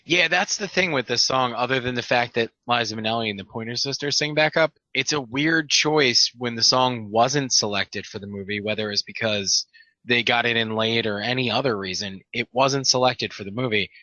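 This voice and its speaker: A man's voice: mid-range voice, normal speed, sharp tone, dry recording. A man co-hosting a casual album review podcast, agreeable and steering the talk with questions. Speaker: podcast co-host. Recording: dry, dull lo-fi mic.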